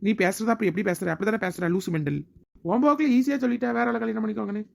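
A man's voice: sits high, rapid-fire, creaky. A man playing a pleading young village lover. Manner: insistent, pleading coaxing.

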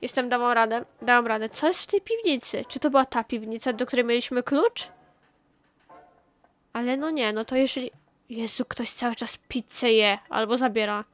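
A woman giving excited gameplay commentary, chatting to herself with quick exclamations and repeated phrases. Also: a little high. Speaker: gaming channel host.

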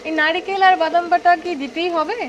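A woman's voice: extremely high pitch, fairly even intonation, a little fast, muffled recording, slight background noise. A woman hosting a cooking demonstration, chatting, asking questions and repeating each step back for the viewers. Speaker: cooking show host.

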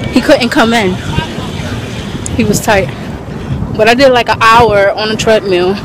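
A woman's voice: fairly high pitch, a little slow. A young woman, chatting casually for her vlog while walking home, laughing often and using street slang. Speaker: vlogger. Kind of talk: casual chat. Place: walking outdoors on a city street. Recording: street traffic noise.

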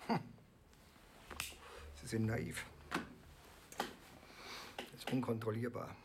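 A stern, distrustful security official in a film dub. He speaks curtly and with authority at a middle pitch, with steady noise behind him. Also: slow pace. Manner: curt, authoritative.

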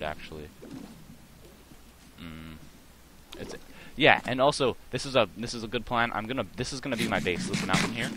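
A man with a fairly low voice talks through his gameplay in a casual, rambling way. He stops and restarts often and fills gaps with ums and uhs. His talk jumps into eager bursts, over a faint hiss. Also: low-quality recording. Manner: chatty, rambling, full of fillers and restarts; bursts of excitement. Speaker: let's play host.

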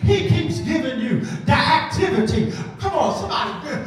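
A pastor in his fifties preaching at a pulpit microphone in a church sanctuary, with playful call-and-response that rises into shouts. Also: very high voice, expressive, moderate pace, slight background noise. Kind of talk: sermon. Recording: echoey church hall from a distance.

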